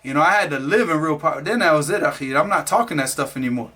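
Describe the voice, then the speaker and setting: Bright-voiced man telling his life story. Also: fairly high pitch, expressive, racing, husky. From Florida, USA. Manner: rambling, many fillers and restarts, laughs at himself. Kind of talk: casual spoken storytelling.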